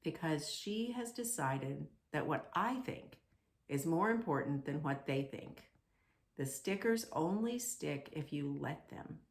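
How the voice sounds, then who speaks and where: Woman voicing slow, gentle fatherly old woodcarver, lowish. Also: expressive, roomy sound, full character voice. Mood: tender. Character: kindly large bearded old woodcarver, fatherly maker. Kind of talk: children's storybook read-aloud.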